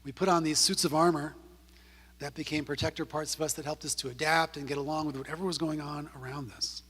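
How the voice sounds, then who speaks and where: Husky-voiced man in echoing hall. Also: a little high, steady tone, fast talker, a bit bright. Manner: storytelling, tags points with "right?". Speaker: counselor giving a talk. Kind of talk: conversational talk to a group. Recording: long reverb of a church hall.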